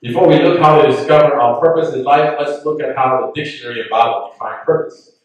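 A man's voice: medium pitch, fast talker, distant mic, muffled recording. Man, preacher, earnest sermon teaching, very echoey room, voice off-mic. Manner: earnest teaching, reads scripture aloud.

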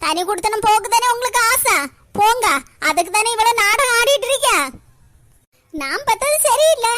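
A bitter, quarrelsome old mother-in-law voiced by a woman scolds in a very high, piercing cartoon voice. Her bright, sharp tone carries sarcasm and self-pity as she nags her daughter-in-law. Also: animated, moderate pace. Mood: scolding. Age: older. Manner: scolding, sarcastic, breaks into crying. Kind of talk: cartoon comedy voice acting.

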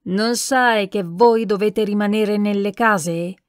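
A woman's voice: on the high side, lively intonation, takes it slowly, no echo, clean studio sound. A woman voicing a powerful, enraged colonel who thunders his words in an audiobook. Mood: stern questioning.

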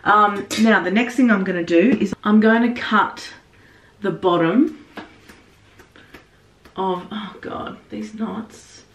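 Speaking slowly with long pauses, a mid-range-voiced woman chats through a wig-styling tutorial as she works. The lo-fi recording was made far from the mic in a small echoey bathroom, with slight background noise.

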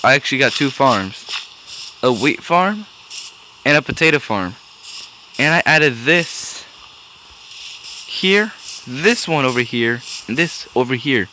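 A young man hosting casual gameplay commentary. He swears often, gets excited easily and keeps restarting his sentences. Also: medium pitch, a little slow, pauses often, a little hiss or hum. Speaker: gaming video host.

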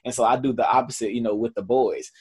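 A man's voice: mid-range voice, steady tone, fast talker, a little mellow, slightly rough. A man in his twenties with a Southern US accent, speaking earnestly in a conversational interview with many fillers and restarts. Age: 20s. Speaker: camp founder.

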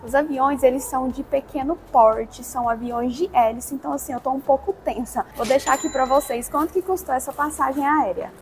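A woman's voice: high-pitched, a little fast, few pauses. A woman from Brazil narrating a travel vlog in a friendly, chatty way, talking straight to her viewers. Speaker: travel vlogger.

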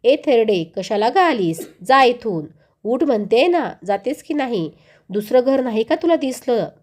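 A woman putting on a proud, contemptuous queen in a storybook tale, loud and harsh. She barks orders with cold scorn. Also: fairly high pitch, animated, a little slow. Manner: shouting, rude.

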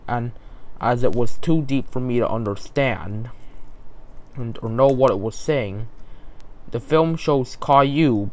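A man narrating a creepypasta in a halting, stumbling way, often restarting his sentences. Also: mid-range voice, a little mellow.

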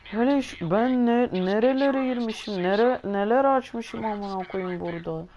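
A woman's voice: a little high, measured pace, darkish tone, muffled recording. Foul-mouthed woman grumbling through gameplay. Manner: swears a lot, grumbling and exasperated; talks straight to viewers. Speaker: gaming video host. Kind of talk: live gameplay commentary.

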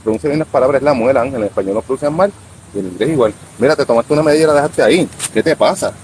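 A man in his fifties with a Puerto Rican accent, rambling casually on a live stream outdoors by a beach, talking to himself and halting when he tries English. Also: mid-range voice, a little mellow, slight background noise, poor audio. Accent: Puerto Rican Spanish. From Puerto Rico. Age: 50s.

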